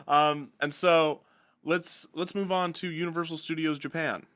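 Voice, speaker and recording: A man's voice: fairly high pitch, steady tone, a little slow, background noise. A man hosting a podcast, asking his guest loose, curious questions. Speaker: podcast host. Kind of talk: casual podcast interview.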